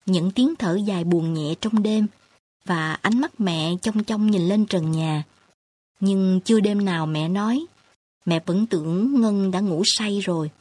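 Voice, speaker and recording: Husky-voiced woman reading a story. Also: medium pitch, unhurried, darkish tone, no room sound. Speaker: narrator. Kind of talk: scripted storybook narration.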